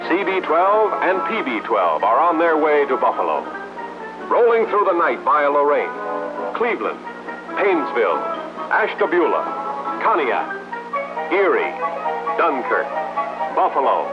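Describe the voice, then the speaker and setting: A 1950s-style American male narrator delivers a scripted promotional film with formal emphasis. His pitch is fairly high and swings in lively fashion from phrase to phrase. The soundtrack is dull and vintage, with loud music playing behind him. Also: unhurried, long pauses. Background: loud background music.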